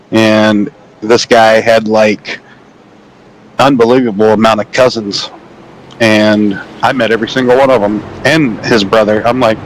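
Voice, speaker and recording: Heard over a rough recording from a home mic on an online call, a man with a lowish voice calls a simulated truck race play by play. This sim racing commentator is casual and rambling, pokes fun at himself, and makes jokey asides.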